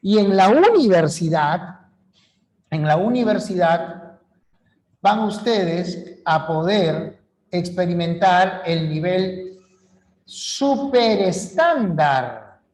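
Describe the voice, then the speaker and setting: Slow, high-voiced man teaching a class. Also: expressive, a little mellow. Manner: explanatory, acts out examples, addresses students directly. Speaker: language teacher. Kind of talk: online class lecture.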